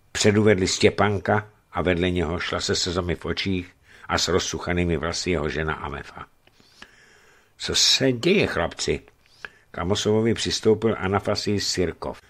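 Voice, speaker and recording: A man reads a historical novel aloud in a steady narration. His voice sits low. The delivery is scripted and even. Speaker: reader.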